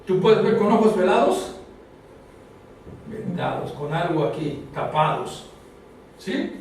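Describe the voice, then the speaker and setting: A man's voice: high voice, big pitch swings, slow, darkish tone, a little hiss or hum. A man preaching a sermon, often asking the congregation questions and calling for answers. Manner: asks the congregation questions and calls out for responses. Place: church hall. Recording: echoey hall, mic far off.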